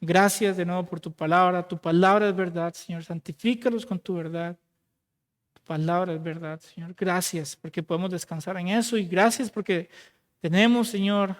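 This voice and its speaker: A man preaching, then leading a fervent closing prayer that repeats "Lord" at phrase ends and trails off softly. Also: high voice. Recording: long hall reverb.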